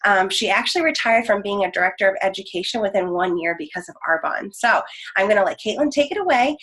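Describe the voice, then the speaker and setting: A woman's voice: medium pitch, lively intonation, fast, a bit bright. A woman leading a team call, introducing a guest in short, plain sentences. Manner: friendly, reads facts in short plain sentences. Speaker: team leader hosting a call. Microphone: call audio.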